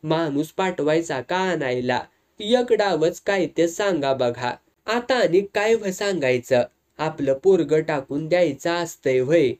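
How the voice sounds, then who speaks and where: Sharp-tongued village mother, impatient, storyteller man doing her. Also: fairly high pitch, lively intonation, a little slow.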